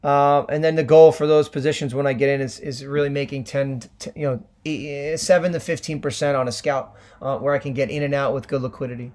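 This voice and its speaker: A young man with a hoarse voice, hosting a casual trading livestream and answering viewer questions with lots of ums and restarts. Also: mid-range voice, steady tone, fairly quick, few pauses, a little mellow. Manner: chatty, many ums and restarts, explanatory. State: hoarse from screaming at games.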